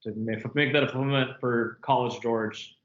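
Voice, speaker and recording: Over an echoey, muffled call, this roughly thirty-year-old guest speaks at a moderate pace in a steady, fairly bright, medium-pitched voice. The conversation is casual, full of filler words and frequent laughter.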